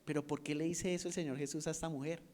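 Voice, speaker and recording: Man preaching, high voice, rhetorical questions, loud then hushed. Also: steady tone, quick pace. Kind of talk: sermon.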